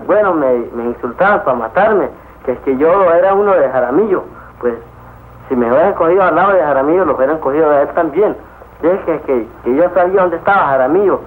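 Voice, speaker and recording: Male witness, halting indignant testimony, tinny lo-fi film recording. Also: fairly high pitch. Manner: halting, repeats words, indignant. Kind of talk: spoken testimony. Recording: tinny lo-fi old film sound with faint hiss.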